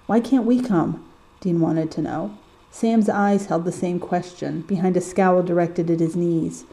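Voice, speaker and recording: A woman reading a story aloud in calm, measured audiobook narration. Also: on the low side, rough recording. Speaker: story reader. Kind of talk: audiobook narration of fan fiction.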